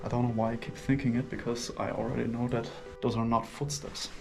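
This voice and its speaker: A man gives a casual exploration commentary, slightly muffled by the face mask he talks through. His mid-pitched voice crackles with vocal fry. He muses in a hushed way as he explores, with faint music underneath. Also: level tone, fairly quick. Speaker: solo urban explorer vlogger. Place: inside an abandoned hotel's rooms.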